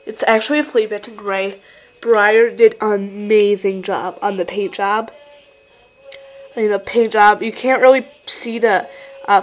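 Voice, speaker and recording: The poorly recorded audio features a mid-range voice from a teenage girl with a New York accent. Filming handheld in her bedroom at night, she chats and rambles with many fillers while showing off her model horses in a casual vlog.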